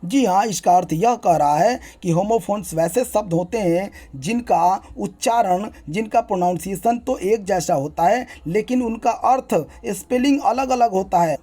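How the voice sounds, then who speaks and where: Young guy teaching grammar, high but mellow voice, spells words out letter by letter. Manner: brisk, repetitive teacherly explaining. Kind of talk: explaining a lesson, spelling out words.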